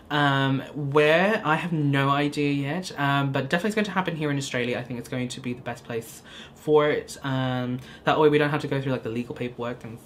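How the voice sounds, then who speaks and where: A man's voice: mid-range voice, fairly bright tone, slight background noise. A young man from Hong Kong, chatting casually with viewers while doing his makeup, with lots of ums and likes. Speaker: beauty vlogger. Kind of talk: casual get-ready-with-me chat. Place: small indoor studio corner.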